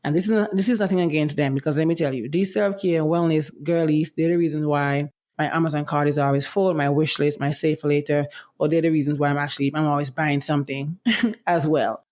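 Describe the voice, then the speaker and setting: Speaking briskly in a low-pitched, darkish voice with a steady tone, a young woman hosts a casual solo podcast. She is candid and chatty, often saying "let me tell you," and her voice is affected by medication.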